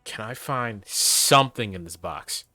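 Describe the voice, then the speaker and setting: Guy streaming a game, kinda low but bright voice, sweary playful commentary, reads text out. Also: expressive, measured pace, faint music behind. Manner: slangy, profane, playful. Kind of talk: casual playthrough commentary, reading game text aloud.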